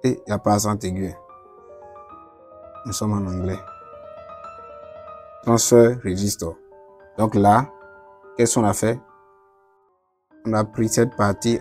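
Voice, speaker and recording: Low, flat-voiced man teaching electronics. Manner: explains while writing, casual asides to viewers; apologizes for his English pronunciation. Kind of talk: whiteboard lesson.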